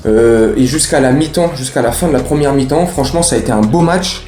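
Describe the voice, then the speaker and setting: A man with a medium-pitched, darkish voice talks briskly as host of a football fan show, giving a casual, slangy match recap straight to camera. He's chatty and addresses viewers directly, with soft background music and a roomy, echoey sound.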